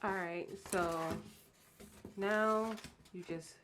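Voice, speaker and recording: Slow-talking woman crafting. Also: mid-range voice, a little hiss or hum. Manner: chatty, says "y'all", excited about materials. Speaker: craft tutorial host. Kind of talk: casual DIY how-to narration.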